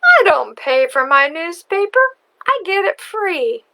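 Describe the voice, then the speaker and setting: A woman voicing a cackling, wrinkled old woman whom children take for a witch, speaking high and drawn out. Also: sing-song, slow pace, sharp tone, full character voice. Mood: mocking.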